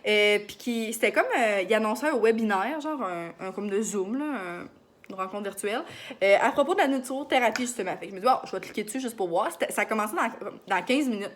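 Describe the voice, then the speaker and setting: A young woman with a Beauce Quebec accent chatting to camera in a fast, excited way, full of fillers. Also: medium pitch. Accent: Beauce Quebec French. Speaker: vlogger. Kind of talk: casual chat to camera.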